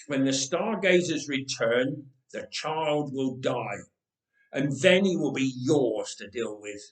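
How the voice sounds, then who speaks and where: A man's voice: mid-range voice, animated, slow pace. Man voicing King Herod, a ruthless paranoid tyrant. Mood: brooding, defiant. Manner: brooding mutters rising to forceful declarations. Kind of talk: dramatic storybook reading. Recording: roomy echoing voice recording.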